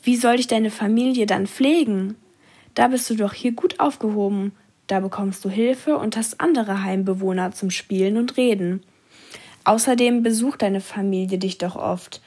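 A woman's voice: mid-range voice, normal speed, a little mellow, close to an everyday voice. A woman voicing a small, curious teardrop that asks questions in a raised, searching tone and sometimes slips into a whisper. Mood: puzzled. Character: small wandering teardrop, curious and easily dismayed.

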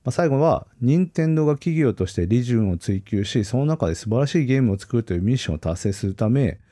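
A man's voice: mid-range voice, lively intonation, fairly quick, mellow, no room sound, clean studio sound. A man co-hosting a casual tech podcast, laughing often and telling stories with animation. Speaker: podcast co-host.

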